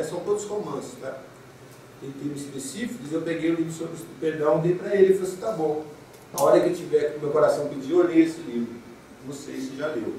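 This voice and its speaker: A Brazilian man with a somewhat high voice delivers a chatty spiritist lecture and leans on rhetorical questions. He is picked up from across the room. A strong echo fills the hall, with faint noise underneath. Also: darkish tone. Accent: Brazilian Portuguese. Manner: conversational, frequent rhetorical "né?". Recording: echoey hall mic heard from a distance.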